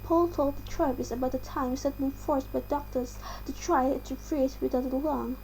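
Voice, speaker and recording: Female reader, Indonesian accent, high mellow voice, careful narrative article reading with occasional stumbles, light hum behind. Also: fairly even intonation, moderate pace, low-quality recording. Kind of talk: article read aloud.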